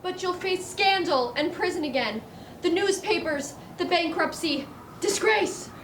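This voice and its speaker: A woman playing a gentle, patient male guardian angel in an amateur stage play, coaxing and a little flustered. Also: very high-pitched, expressive, unhurried, recorded from a distance, full character voice. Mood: earnest. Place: theatre stage. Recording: echoey stage heard from afar, noisy.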